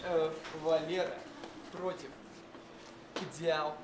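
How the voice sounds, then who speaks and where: A man hosting a game challenge in a casual, excited style. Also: fairly high pitch, extremely slow. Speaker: host of a challenge show. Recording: echoey room with clear background noise.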